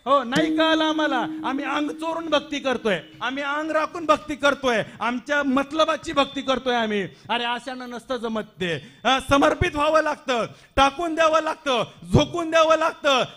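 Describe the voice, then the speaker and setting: A man's voice: very high-pitched, normal speed, hardly any pauses, sharp tone. A man preaching a devotional kirtan sermon with a Marathi accent, dramatic and full of rhetorical questions and repetitions.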